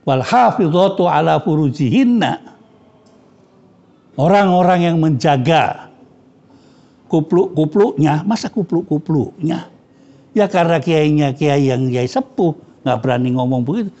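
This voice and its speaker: Man, cleric's casual scripture lesson, gravelly voice, dull lo-fi recording. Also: fairly high pitch, expressive, measured pace, long pauses, dark tone. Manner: frank, joking, chatty. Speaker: Islamic cleric teaching scripture. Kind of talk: casual religious study lecture.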